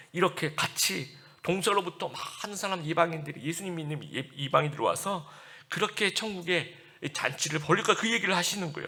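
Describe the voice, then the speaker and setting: A man's voice: high voice, creaky, bright, forceful tone. A man preaching a Sunday sermon as pastor, explaining scripture in a conversational way, with asides to the congregation and acted-out quotes. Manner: acts out quoted speech in the passages he reads.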